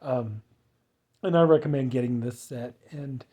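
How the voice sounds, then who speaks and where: A man's voice: medium pitch, unhurried, mellow. A man giving a casual spoken movie review, rambling with many fillers and restarts. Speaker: film reviewer.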